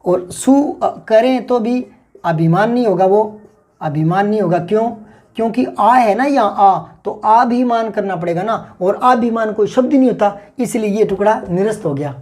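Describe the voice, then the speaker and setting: A man with a high-pitched, slightly mellow voice speaks at a moderate pace while teaching grammar, classroom-style. His explanations are patient, and he drills key words by repeating them aloud.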